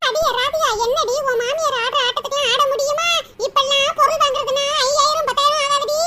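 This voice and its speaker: A woman's voice: extremely high pitch, fairly even intonation, fairly quick. A woman voicing a scheming older mother-in-law in a cartoon, with a scolding, gossipy manner. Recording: loud hiss under voice.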